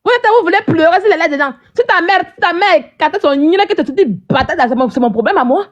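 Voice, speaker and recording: A woman's voice: extremely high pitch, lively intonation, fast, highs cut off. A woman hosting a live stream, ranting at her viewers in a combative, mocking way and often asking "hein?".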